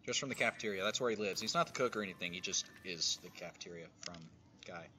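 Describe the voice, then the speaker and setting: A man's voice: low-pitched, fast talker, sharp tone, a little hiss or hum. A man hosting a gaming livestream, chatting casually and rambling with many restarts and fillers while friends sit nearby. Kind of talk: casual chat while playing.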